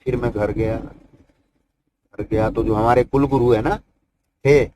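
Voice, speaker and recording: A man's voice: medium pitch, fairly even intonation, measured pace, dark tone. An older man, a Himalayan yogi, telling his life story in a rambling, folksy way and tagging his sentences with "isn't it". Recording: noisy ambient background.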